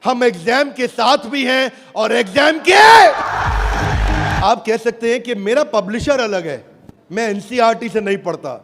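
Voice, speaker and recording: A man giving a rousing product pitch on stage, throwing rhetorical questions at his audience. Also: lively intonation, a little slow, a bit bright, soft background music. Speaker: presenter on stage. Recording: long hall reverb.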